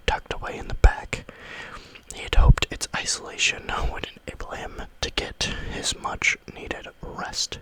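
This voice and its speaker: Male ASMR narrator for spooky tales: fully whispered, breathy, bright-edged, unhurried read. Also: poor audio. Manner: slow, deliberate read-aloud phrasing. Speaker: ASMR storyteller reading scary stories.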